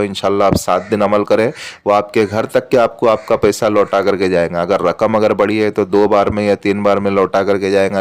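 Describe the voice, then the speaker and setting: A man with a low, smooth voice explains a religious remedy one step at a time. He speaks in an even, flat tone and repeats each instruction patiently. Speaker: spiritual remedy teacher.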